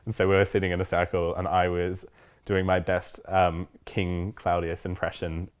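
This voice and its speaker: A young man with a low voice, chatting playfully in an interview. He tells his stories with lively enthusiasm as a student. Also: normal speed. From Australia. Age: young adult. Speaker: university student. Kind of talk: casual interview testimony.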